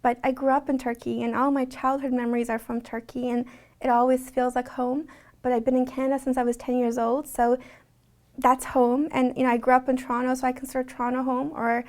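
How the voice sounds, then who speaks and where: In a reflective documentary interview, a woman with a high voice speaks earnestly and conversationally, often restarting her sentences.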